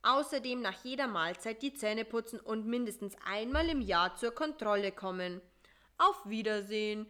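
A woman doing a brisk mosquito dentist. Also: a little high, lively intonation, bright, forceful tone. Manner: brisk, fussy bedside manner. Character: slight male mosquito dentist, brisk and polite.

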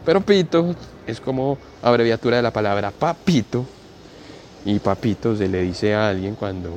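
A man's voice: fairly low pitch, normal speed, a little mellow, a little hiss or hum. Man telling a story. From Colombia. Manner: conversational, slangy, explains his expressions. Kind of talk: spoken storytelling.

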